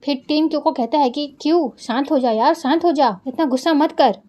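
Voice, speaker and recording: A woman's voice: sits high, a little fast, mellow. A woman narrating a drama recap in a chatty storytelling way, retelling each line of dialogue and adding her own asides to viewers.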